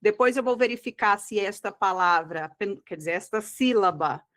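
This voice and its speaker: A woman's voice: medium pitch, expressive, a bit bright. A woman with a Brazilian Portuguese accent teaching an exam-prep grammar lesson, explaining step by step and checking in with her students often. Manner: didactic, checks in often with "tá?" and "tá bom?"; slows down to stress key words.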